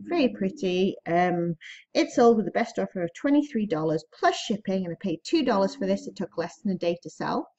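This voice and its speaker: A woman's voice: on the low side, darkish tone, dull audio. Chatty upbeat woman vlogger, slightly breathless. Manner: chatty, upbeat, frequent ums and little laughs. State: pregnant and a bit out of breath. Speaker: online reseller vlogger. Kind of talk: casual vlog talk to camera.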